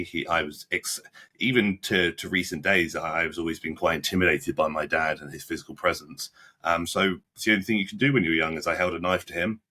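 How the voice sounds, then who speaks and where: A young man in his twenties, a podcast guest recounting events in casual interview talk, halting and blunt, often restarting his sentences. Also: deep voice, pushed and bright. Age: 20s. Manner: halting, frequent restarts and repeated words; blunt, plain-spoken with British slang.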